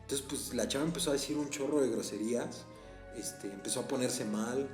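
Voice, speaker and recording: A man with a Mexican accent, a teacher on a podcast telling a personal story in a casual, animated way and laughing often. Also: mid-range voice, a little fast. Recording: echoey room, faint music.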